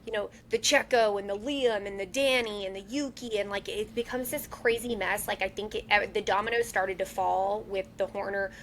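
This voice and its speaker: Podcast lady chatting, rambly and animated, normal pitch, a little faint hiss in the background. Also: moderate pace, few pauses. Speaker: podcast co-host. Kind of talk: casual chat on a podcast.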